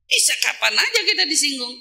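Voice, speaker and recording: A woman's voice: high-pitched, sing-song, quick pace, sharp tone. A woman preacher giving a casual religious talk to women. She asks rhetorical questions, answers them herself, and stretches single words out for emphasis. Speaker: Islamic preacher.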